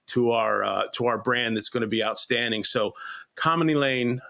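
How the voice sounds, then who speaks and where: A man's voice: medium pitch, normal speed, gravelly, bright, forceful tone. A man hosting an interview podcast, eager and rambling, often restarting his sentences. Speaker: podcast host.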